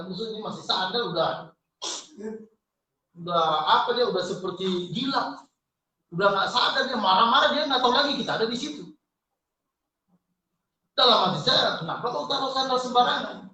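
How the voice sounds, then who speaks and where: A man preaching a lively, joking sermon to his congregation, calling out to them. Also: high-pitched, moderate pace, pauses often, a little hiss or hum. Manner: lively, jokey preaching with congregation call-outs. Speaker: pastor. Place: church hall. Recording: echoey church hall from far off.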